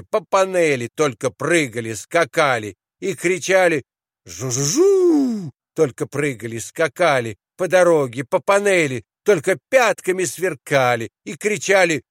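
A man's voice: fairly high pitch, expressive, unhurried, few pauses, fairly bright tone, dry recording, clean studio sound. A man reading a children's poem aloud in a rhythmic, sing-song cadence. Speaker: reader.

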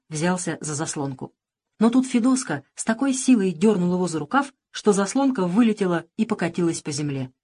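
A woman reading a storybook aloud in a calm, even narrating voice. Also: fairly low pitch, husky. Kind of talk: scripted narration.

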